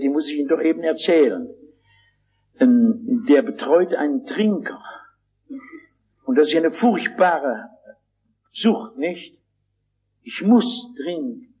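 An older man preaching a sermon, telling stories and slowing down with rising emphasis on key phrases. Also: on the high side, a little mellow, slightly rough, highs cut off. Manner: storytelling, acts out voices.

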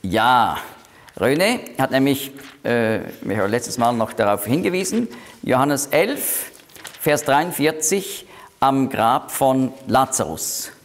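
A man leading a Bible study group. He speaks slowly and deliberately, pausing often with small fillers as he works through the verses. His voice sits in an ordinary middle range. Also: medium pitch, sing-song. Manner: slow, deliberate explaining with frequent fillers.

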